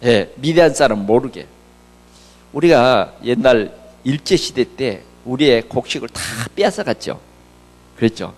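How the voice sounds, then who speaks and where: A man's voice: medium pitch, lively intonation, measured pace, long reverb tail. A male pastor delivering a conversational sermon full of rhetorical questions to his congregation. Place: church sanctuary.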